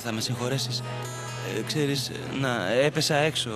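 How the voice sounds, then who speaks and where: A man dubbing a downcast, broke young man who apologizes haltingly in a TV drama. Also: medium pitch, music in the background, natural voice. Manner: hesitant, downcast. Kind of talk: dubbed teen TV drama. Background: faint background score.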